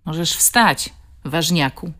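A woman voicing a tough, rough-spoken woman with a strong, guttural voice who scolds bullies. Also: sits low, slow, a bit bright. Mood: scolding.

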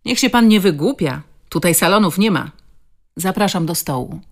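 A woman's voice: on the low side, expressive, moderate pace. A woman voicing a weary middle-aged countrywoman in an audiobook, wary but hospitable.

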